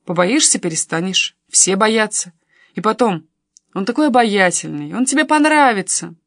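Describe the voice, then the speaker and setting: A pushy young man who coaxes and presses his cousin without letup, voiced by a woman reading an audiobook. The reading is dry, close and steady. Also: medium pitch, moderate pace, dry recording. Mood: coaxing. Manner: pushy, coaxing, persuasive.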